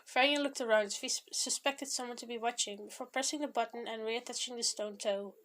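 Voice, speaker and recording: A woman's voice: on the high side, steady tone, fast talker, a bit bright. A woman reading a fan fiction story aloud, stumbling and restarting now and then. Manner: reads with occasional stumbles and restarts. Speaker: fanfiction reader.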